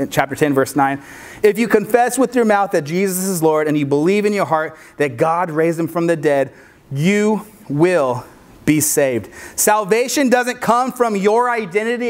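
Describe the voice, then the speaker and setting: High-voiced man preaching a youth sermon. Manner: energetic, conversational preaching with asides to the crowd. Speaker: youth pastor.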